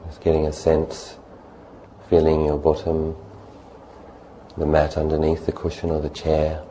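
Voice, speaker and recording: Poor audio captures a male meditation teacher whose voice is very low and soft at the edges. He leads a guided meditation in calm, brief, unhurried phrases with long silences in between, over faint background noise.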